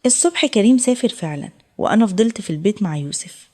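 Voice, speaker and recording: A woman's voice: mid-range voice, animated, rapid-fire, warm tone. A woman with an Egyptian accent narrating a first-person audio story in an earnest, confessional way. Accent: Egyptian Arabic.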